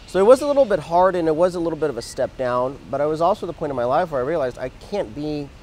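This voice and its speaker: A man's voice: on the high side, animated, quick pace, darkish tone, a little hiss or hum, poor audio. A man in his thirties, born in Mexico and raised in Texas, earnestly telling his story as an interview guest outdoors on a lapel mic. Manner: earnest, talks with his hands, frequent restarts. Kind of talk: casual interview. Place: outdoor garden plaza.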